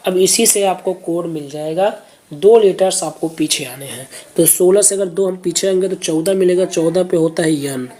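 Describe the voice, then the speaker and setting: A woman's voice: fairly low pitch, normal speed, mellow. A woman teaching reasoning, patiently explaining exam questions step by step and checking in with her viewers.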